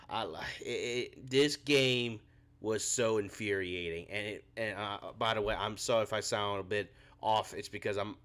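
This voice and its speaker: A young man fighting a cold hosts a postgame reaction podcast in a lowish, slightly scratchy voice that's clean and a bit bright. He speaks unhurriedly but rants in frustration, his voice climbing as he gets worked up.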